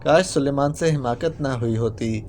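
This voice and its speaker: A man's voice: mid-range voice, a little mellow, a little hiss or hum, natural voice. A man voicing a playful young male spy who talks in a mock-pitiful, whining way. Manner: whiny, mock-pitiful clowning.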